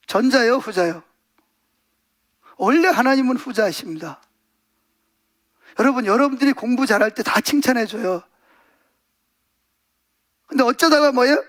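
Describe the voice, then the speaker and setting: High-voiced Korean pastor preaching animatedly. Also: male voice, moderate pace, pauses often. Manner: animated, acts out voices and asks the congregation questions. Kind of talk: sermon.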